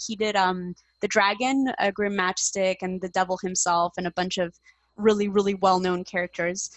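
A woman speaks in a relaxed podcast interview. She is chatty and upbeat and leans on fillers like "like" and "um". Her voice sits at an ordinary pitch, and the recording is dry and close with no room sound. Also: no room sound, low-quality recording. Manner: chatty, upbeat, many fillers like "like" and "um", laughs often. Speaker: interview guest, 2D animator.

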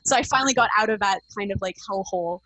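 A woman's voice: medium pitch, very fast, fairly bright tone, rough recording. A woman guest on a podcast interview, talking in a chatty, upbeat way with lots of fillers. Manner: chatty, upbeat, many fillers like "like" and "um", laughs often.

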